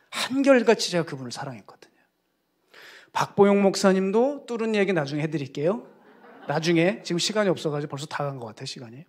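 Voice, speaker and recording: A man preaching a sermon as a pastor, telling stories with lively energy and acting out the voices he quotes. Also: on the high side.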